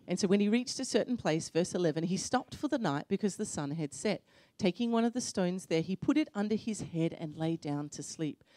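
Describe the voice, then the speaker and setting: A woman pastor preaching a sermon in short phrases, pausing often for an interpreter. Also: fairly low pitch, expressive, dark tone. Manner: pauses often for the interpreter, earnest storytelling. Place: church.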